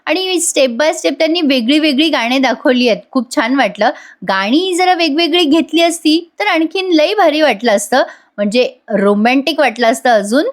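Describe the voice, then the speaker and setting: A woman's voice: high-pitched, expressive, normal speed. A woman giving a chatty voice-over review of a TV serial episode, gushing and addressing viewers directly.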